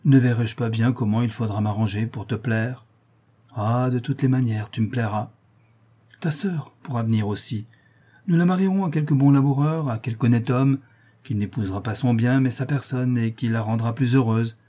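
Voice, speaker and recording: A man voicing a young noblewoman in love, reading an audiobook of a classic novel with a soft, pleading delivery. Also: medium pitch, normal speed, husky, lightly acted. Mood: tender. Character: young noblewoman, tender and impassioned lover.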